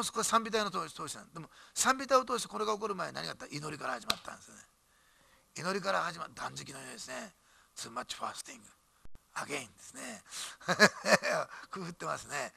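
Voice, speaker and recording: Gravelly, bright-voiced man preaching fast. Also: high-pitched, no room sound. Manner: animated, emphatic preaching with jokes and asides. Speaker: pastor. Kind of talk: sermon. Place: church.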